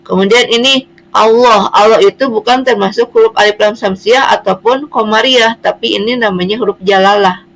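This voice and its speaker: A woman's voice: mid-range voice, moderate pace, gravelly, low-quality recording. A woman teaching Quran reading, explaining patiently and spelling out letters one at a time. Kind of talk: slow classroom explanation.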